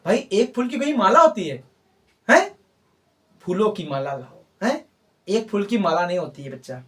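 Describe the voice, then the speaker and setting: A male teacher leads a grammar class and quizzes his students as he goes. His pitch swings up and down a lot. He sounds a little far from the mic. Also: very animated, normal speed, a bit bright. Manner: coaxing, repeats points, quizzes students with mock answers.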